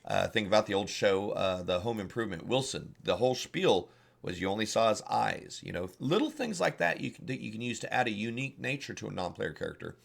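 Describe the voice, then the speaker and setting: A man's voice: fairly low pitch, lively intonation, brisk, vocal fry. A man with a Southern US accent, a dungeon master giving casual, rambling advice and often repeating words as he searches for them. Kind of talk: casual instructional talk.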